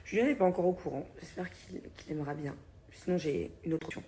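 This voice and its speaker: Chatty woman in her thirties, low voice. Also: quick pace, dark tone, a little hiss or hum. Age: 30s. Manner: chatty, blunt, swears casually, laughs often. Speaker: vlogger. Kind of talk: casual chat vlog.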